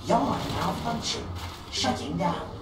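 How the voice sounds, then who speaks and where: Actor playing a robot booting up, salesy and formal, glitches out, swoopy pitch, super echoey and far off with game music behind. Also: expressive, takes it slowly, noisy background. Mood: relieved. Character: chatty malfunctioning navigation robot. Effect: robot booting up and shutting down.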